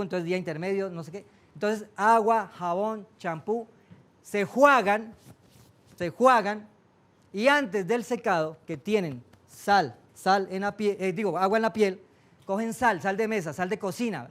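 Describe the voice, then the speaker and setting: A man leading a guided meditation workshop, talking slowly and soothingly and joking with the audience. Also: high voice. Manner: slow, soothing, with playful jokes to a live audience. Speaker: meditation instructor.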